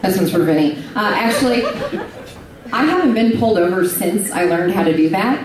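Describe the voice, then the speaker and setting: A woman's voice: mid-range voice, animated, fairly quick. Brash woman doing stand-up in a bar. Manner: brash, profane storytelling with big vocal swings. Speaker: stand-up comic. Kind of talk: stand-up comedy set. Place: bar stage before a live crowd. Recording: echoey room, mic from a distance. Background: crowd laughter.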